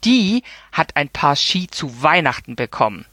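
A woman reading a story and voicing a grumpy older man who speaks slowly and gruffly. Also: low voice, sing-song, fairly bright tone, no echo, studio quality, full character voice. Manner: slow, gruff muttering.

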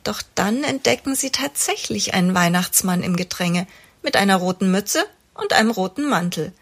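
Lady reading a kids' xmas story, bit husky, lively. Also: medium pitch, moderate pace. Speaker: children's author reading her story. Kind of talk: storybook read-aloud.

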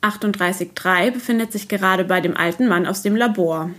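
A woman's voice: mid-range voice, a little fast, fairly bright tone. A woman giving a plain summary of a children's book story.

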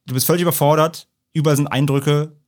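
A man's voice: fairly high pitch, steady tone, quick pace, darkish tone. A man with a German accent co-hosting a podcast, chatting casually and telling long, joking stories about his workweek. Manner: rambling, playful, sarcastic storytelling. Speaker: podcast co-host. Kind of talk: casual chat.

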